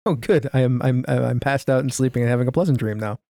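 A man playing in a tabletop role-play session, joking around in quick banter. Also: mid-range voice, warm tone, no room sound, studio quality. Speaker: player.

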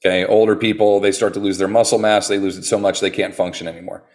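A man who works as a personal trainer, talking earnestly in a casual interview and telling animated stories with many restarts. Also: fairly low pitch, fast talker. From United States.

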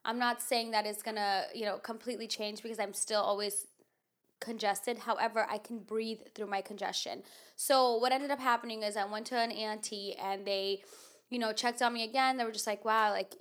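A woman from the United States hosts a podcast in a casual, chatty style. Her voice sits at medium pitch with a slightly bright, nasal quality, and she rambles with lots of filler words.

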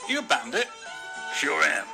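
Brief: a man voicing gravelly frontier bank folk and a bandit, sold as a scratchy old recording, bouncy pitch, music under it. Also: big pitch swings, moderate pace. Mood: folksy. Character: Old West townsfolk and a male bandit in a mock old recording. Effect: staged old-time recording with music behind.

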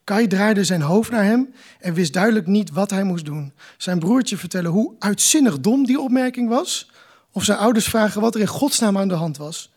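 A man, the author, reading aloud from his novel in a measured, calm way at a live book presentation. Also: high-pitched, slightly rough.

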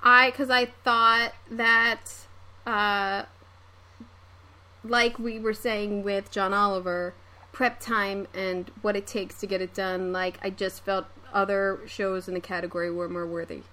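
A woman's voice: mid-range voice, flat delivery, unhurried, bright, forceful tone. A woman hosting a podcast, chatting casually and often hedging her points. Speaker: podcast host, set decorator.

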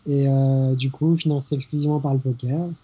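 Speaking briskly at a medium pitch and a level tone, the man from France chats casually as an interview guest from a small hotel in the mountains, with plenty of hesitations. The remote call line makes the audio dull, with background noise.

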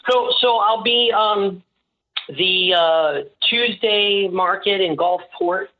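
A male podcast guest talks casually in a halting, rambling, joking way. The recording is narrow and lo-fi, like a phone. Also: sits high. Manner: jokey, rambling, halting delivery. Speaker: podcast guest, small-business owner. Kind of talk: casual interview chat. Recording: slightly dull, lo-fi sound.

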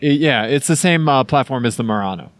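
A man's voice: mid-range voice, animated, fairly quick, dry recording. Casual podcast guy with a Missouri twang. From Missouri, United States. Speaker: podcast co-host. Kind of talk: casual chat.

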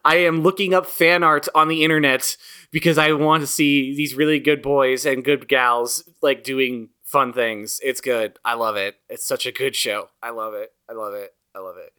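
A man's voice: medium pitch, steady tone, moderate pace, pushed and bright, clear, resonant tone. A man hosting a podcast in casual chat, rambling and repeating himself for emphasis. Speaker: podcast host.

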